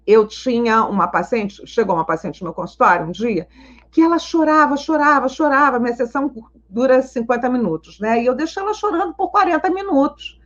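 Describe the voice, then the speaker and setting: Animated woman lecturing over muffled stream. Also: sits high, brisk. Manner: animated, teacherly, tells anecdotes, frequent rhetorical questions. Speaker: psychologist and schema therapy teacher. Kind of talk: live online Q&A lecture.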